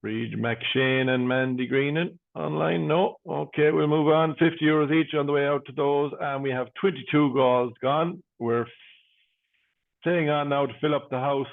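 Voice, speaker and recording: A man's voice: on the high side, fairly even intonation, gravelly. Irish male bingo caller on a phone-like line. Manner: measured, repeats each number in set phrases. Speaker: bingo caller hosting an online game. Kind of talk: bingo calling with paired numbers and traditional nicknames. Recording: muffled phone-like online stream audio.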